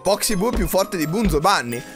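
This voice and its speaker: A very high-pitched man with an Italian accent gives teasing game commentary, his voice leaping up and down with excitement. He drifts into sing-song bits and sudden shouts, with music clearly audible behind him. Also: a little fast. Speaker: gaming YouTuber.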